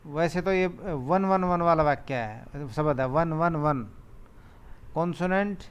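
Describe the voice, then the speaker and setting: A man's voice: a little high, slow, smooth, lo-fi sound. A male teacher, giving a lesson to children, repeating word lists and reading grammar rules aloud.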